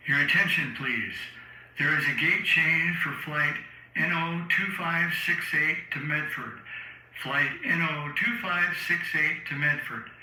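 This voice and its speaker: A man playing a formal airport gate announcer, speaking over the intercom in measured announcements. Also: a little high, pushed and bright. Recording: echoey public-address sound.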